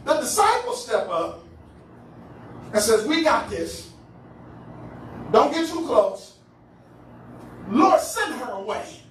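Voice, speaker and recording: High-voiced preacher man in echoey church. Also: slow pace, long pauses, slight background noise. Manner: animated, calls on the congregation, often laughing and shouting. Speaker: pastor. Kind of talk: lively preaching sermon. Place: church sanctuary. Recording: echoey hall, voice from far off.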